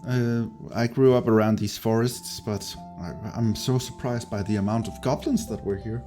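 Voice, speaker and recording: A man's voice: medium pitch, steady tone, normal speed, warm tone, faint music behind, close to an everyday voice. A man voicing a hesitant, reassuring young village lady in a tabletop fantasy game. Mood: reassuring, surprised. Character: surprised young village lady who knows the forest.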